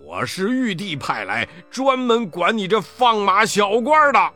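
A man voicing a stern heavenly official who questions people harshly and loudly. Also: sits high, big pitch swings, a little slow, soft background music, pitched above the performer's own voice, full character voice. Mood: angry. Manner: harsh, shouting.

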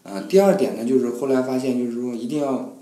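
一位男性嘉宾在闲聊中讲述留学趣事，常模仿对话和动作，说话生动。. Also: male voice, medium pitch, fast, echoey room, rough recording. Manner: animated storyteller, acts out scenes with voices and sounds. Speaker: guest. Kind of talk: casual conversation.

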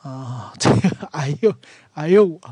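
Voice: mid-range voice, slightly rough. A speaker from Northeast China with a Northeastern Mandarin accent, casually explaining local dialect words and acting out example lines. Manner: explains slowly, then acts out example lines in a lively voice. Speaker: dialect teacher.

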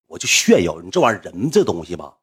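A man's voice: sits low, very animated, fast, husky. A young man with a Northeastern Chinese accent telling a rambling, slangy story to his stream audience from home. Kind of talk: casual storytelling livestream.

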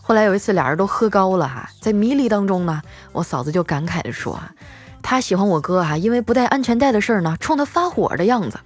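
A woman's voice: medium pitch, expressive, quick pace, few pauses, soft background music. A female host telling scripted comic stories in a playful way, chuckling between jokes.

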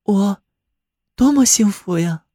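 A happy young bride from a storybook, given voice by a man narrating. He pitches her well above his own reading voice, bright with tender joy. The sound is close and dry, and the melody swings widely. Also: animated, slow pace, dry recording, full character voice. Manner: raised higher voice.

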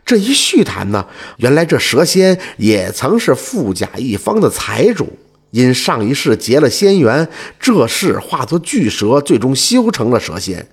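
A male storyteller recounting a folk tale with lots of expression, his pitch rising and falling freely. His voice carries a slightly husky grain. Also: a little slow. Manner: lively, animated.

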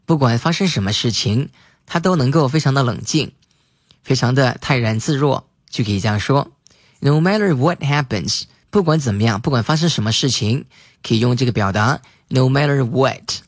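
A man teaches English words in a recorded lesson, spelling each word and repeating the example sentences slowly. His voice sits at an ordinary middle pitch and is recorded dry and close. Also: expressive, no echo.

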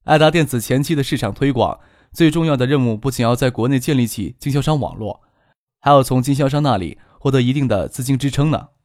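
Male audiobook narrator. Steady and unhurried, at a medium pitch. Dry studio sound. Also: no room sound.

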